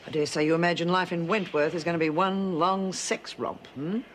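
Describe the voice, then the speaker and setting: A woman's voice: on the low side, steady tone, fairly quick, a little hiss or hum, natural voice. An actress playing a severe female prison officer with a curt, commanding manner. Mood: cold. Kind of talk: TV drama acting.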